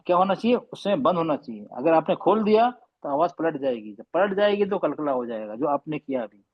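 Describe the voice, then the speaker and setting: A man teaching Quran recitation in an online class, patiently correcting students and slowly demonstrating sounds. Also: a little high, lively intonation, lo-fi sound. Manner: patient, slow demonstrating drills.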